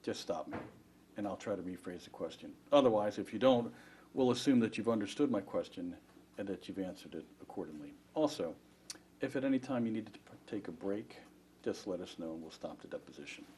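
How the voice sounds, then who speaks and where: A man's voice: fairly low pitch, expressive, a little fast, dark tone. A man questioning as an attorney in a formal deposition, polite, methodical and procedural. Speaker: plaintiff's attorney questioning a witness. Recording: faint room noise.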